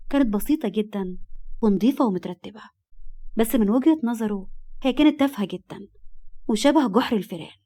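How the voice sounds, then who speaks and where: An Egyptian-accented woman voices a dramatized tale, acting out the dialogue herself and getting heated during angry scenes. Her voice is medium in pitch with a dark tone.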